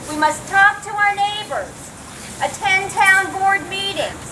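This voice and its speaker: A woman's voice: very high-pitched, animated, takes it slowly. A woman giving a rousing, declamatory prepared rally speech outdoors, her voice amplified through a megaphone. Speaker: rally speaker. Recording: distant megaphone outdoors, noisy.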